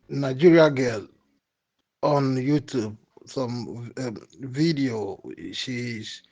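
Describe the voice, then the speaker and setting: A man speaking in a recorded voice message, slow and preachy, repeating his points. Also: medium pitch. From Ghana. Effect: recorded voice message played back. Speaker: caller sending a voice note.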